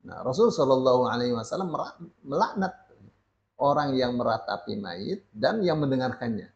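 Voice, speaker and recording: Heard on a dull lo-fi recording, a man with a gravelly mid-range voice and lively intonation speaks at a moderate pace. He's an Islamic teacher giving a religious lesson, reading Arabic text before explaining it and frequently adding "ya" to his sentences.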